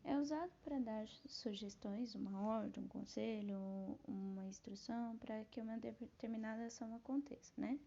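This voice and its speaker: A woman with a Brazilian Portuguese accent gives a casual grammar lesson, reading English examples slowly and explaining each one in a relaxed way with frequent tag questions. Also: on the high side, vocal fry, lo-fi sound, a little hiss or hum. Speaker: English teacher.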